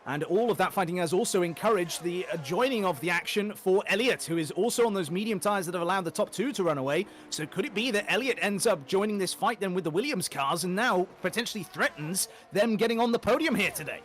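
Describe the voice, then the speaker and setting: A man calling a sim race lap by lap, words tumbling out at a rapid clip. His voice sits slightly on the high side, and he jumps on every overtake with excitable energy. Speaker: race commentator. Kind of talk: play-by-play sim racing commentary.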